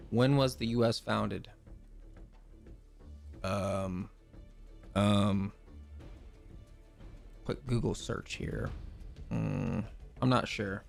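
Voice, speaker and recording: A man's voice: on the low side, very slow, gravelly, long pauses, soft background music. Laid-back slangy male streamer. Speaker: game streamer. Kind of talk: casual live-stream chat.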